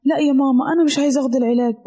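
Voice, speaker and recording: A woman's voice: high voice, steady tone, rapid-fire, mellow, voice pushed up, lightly acted. A woman with an Egyptian Arabic accent voicing a stubborn, sick little girl in a storybook tale, pleading and whiny.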